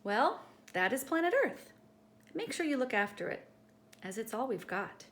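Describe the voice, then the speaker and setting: Speaking straight to young listeners, a woman reads a picture book aloud in a lively, teacher-like manner. Her voice is slightly high and moves at a normal speed.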